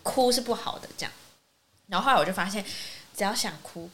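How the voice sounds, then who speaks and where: A woman co-hosting a casual podcast chat, telling a lively story and acting out what her friends said. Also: mid-range voice, quick pace. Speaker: podcast co-host. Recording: faint hiss.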